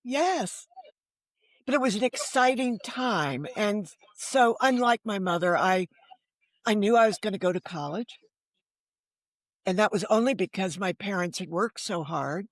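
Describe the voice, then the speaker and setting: This low-quality recording with no room sound captures an older American woman with a mid-range, animated voice speaking at a measured pace. A novelist and interview guest on a remote video call, she tells personal stories candidly, poking fun at herself and adding rhetorical asides.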